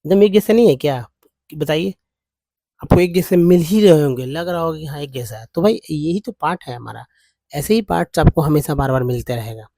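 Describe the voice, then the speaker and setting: A man's voice: a little high, creaky, mellow, no room sound. A man teaching English reading in Hindi. He sounds out English words syllable by syllable with an Indian accent and talks to viewers as friends. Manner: reads English text word by word, slowly sounding out syllables; addresses viewers as friends, repeating and explaining patiently.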